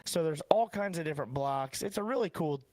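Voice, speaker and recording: A man's voice: on the high side, lively intonation, brisk, a little mellow, dry recording. A man in his thirties with a Midwestern American accent, co-hosting a podcast in rambling, casual chat that swears freely. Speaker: podcast co-host.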